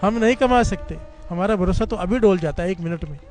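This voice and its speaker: Man, Sikh preacher, fervent call-and-response sermon, high voice, soft music underneath. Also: brisk. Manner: fervent storytelling, often leading the congregation in "dhan guru nanak". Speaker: Sikh preacher giving katha.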